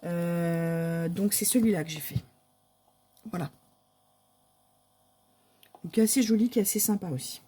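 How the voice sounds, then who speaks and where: Chatty woman with a mellow voice. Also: lowish voice, measured pace, pauses often, slight background noise. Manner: chatty, hesitant, many fillers and restarts. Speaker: crafting vlogger. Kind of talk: casual show-and-tell of coloring books.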